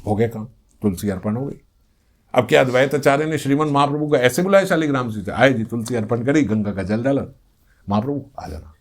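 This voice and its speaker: A man giving a devotional discourse, speaking earnestly and repeating phrases for stress, now and then acting out little everyday scenes. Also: mid-range voice. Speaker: spiritual speaker.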